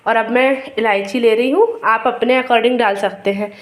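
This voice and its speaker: A middle-aged woman talks through a recipe in her kitchen video, her voice pitched a little high and roughened by a sore throat. She speaks casually and chattily, calling viewers friends and explaining each step. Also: steady tone, normal speed. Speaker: cooking video host. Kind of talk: casual cooking demonstration.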